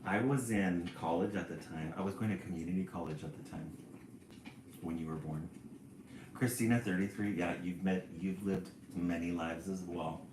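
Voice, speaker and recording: Against a noisy background and a roomy echo, this man in his forties talks in a deep voice at a moderate pace. He is hosting a laid-back livestream, chatting, reading viewers' comments aloud, and laughing a lot.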